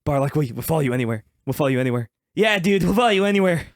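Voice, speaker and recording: A man voicing two timid male ninja warrior creatures in a tabletop game, earnest and halting as they pledge loyalty. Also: on the high side, expressive, dry recording, clean studio sound, voice pushed up. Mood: eager.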